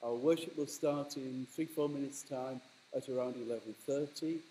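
A man's voice: medium pitch, fairly even intonation, normal speed, dark tone, a little hiss or hum, poor audio. A middle-aged man, a kindly parish priest, giving an informal welcome to his congregation before a church service. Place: inside a stone church.

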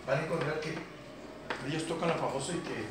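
A man's voice: fairly high pitch, fairly quick, background noise. Male piano teacher in an echoey classroom. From Colombia. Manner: explanatory, checks in with the class with a questioning "¿sí?". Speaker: piano instructor. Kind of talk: classroom lesson. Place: community center classroom. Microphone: far camera. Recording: roomy echo, distant mic. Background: piano keyboard playing.

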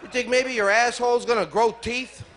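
Brash, foul-mouthed comedian with a high voice. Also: male voice, fairly even intonation, normal speed, a crowd in the background. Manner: brash, profane, teases the audience. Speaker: stand-up comedian. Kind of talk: stand-up set. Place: comedy club stage. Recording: live club recording with room noise.

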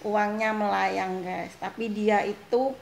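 An Indonesian woman vlogger chats casually with her viewers, laughing often. Her voice is medium-pitched, slow and creaky, with fairly even intonation. The room is echoey, with faint noise.

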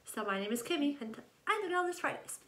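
She talks fast in a high-pitched, fairly bright voice with big swings in pitch, over slight background noise. The nineteen-year-old Ohio native is introducing herself as channel host, rambling casually to camera and breaking off mid-thought, recorded in an echoey small room at home.

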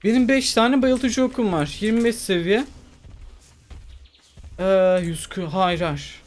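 Excitable woman commenting her gameplay. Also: mid-range voice, slow pace. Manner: excitable, talks to herself while playing. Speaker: gamer. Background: faint game music.

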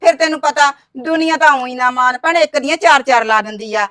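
A woman playing a high-voiced meddling village gossip. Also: brisk, a bit bright. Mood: wheedling. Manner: wheedling, reports others' words. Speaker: actress. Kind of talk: village drama dialogue.

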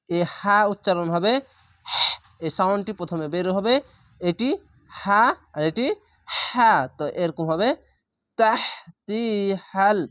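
A man with a high, slightly bright voice teaches Quran reading, spelling each word letter by letter and vowel by vowel before reciting the full word in a slow, drawn-out way. The recording is dry, with clean studio sound.

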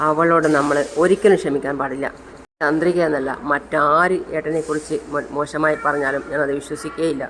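Tearful devoted wife, narrator reading, slow and pleading. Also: medium pitch, slight background noise, natural voice, rough recording. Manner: pleading, emotional.

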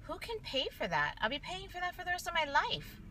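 A woman's voice: very high voice, huge pitch swings, fairly quick, sharp tone. A woman in her late thirties, a nurse, chatting and venting to viewers in a rambling, casual way from inside a car. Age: late 30s. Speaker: vlogger, nurse. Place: inside a parked car, daytime. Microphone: phone camera at arm's length. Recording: car interior with vehicle noise.

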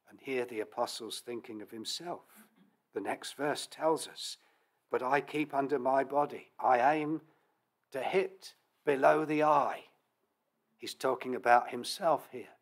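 A middle-aged man preaching an expository sermon at a church lectern, measured and earnest, asking his listeners questions. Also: mid-range voice. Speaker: pastor. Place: church hall, indoors.

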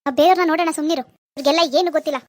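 A proud, wealthy mother in an animated drama, voiced by a woman. She brushes people off with scorn and pushy confidence. Her voice sits very high and the words come quickly. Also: no room sound, natural voice. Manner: scornful, dismissive, brash. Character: rich, haughty mother of adult daughter. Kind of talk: Kannada cartoon drama voicing.

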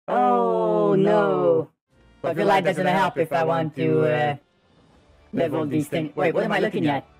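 High-voiced excitable streamer on headset mic. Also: male voice, slightly rough. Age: 30s. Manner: excitable, swearing, talks to himself and chat. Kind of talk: gaming livestream commentary. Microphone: livestream headset mic.

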